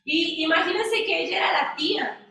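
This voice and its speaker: High bright-voiced woman teaching. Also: moderate pace, creaky. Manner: animated, engages listeners with questions. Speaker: women's Bible study leader. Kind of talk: church Bible study teaching. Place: church meeting room. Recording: echoey room, mic at a distance.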